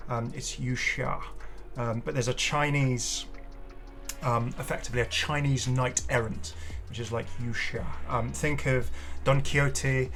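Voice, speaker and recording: Over background music, a man delivers casual game showcase commentary, chatty and enthusiastic with rambling asides. He has a mid-range, slightly bright voice with a steady tone and measured pace.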